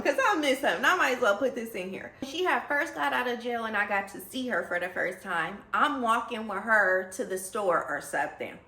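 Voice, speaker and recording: Chatty young woman with a bright, echoey voice. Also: a little high. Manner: chatty, addresses viewers as y'all. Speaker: storyteller vlogger. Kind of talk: casual storytime vlog.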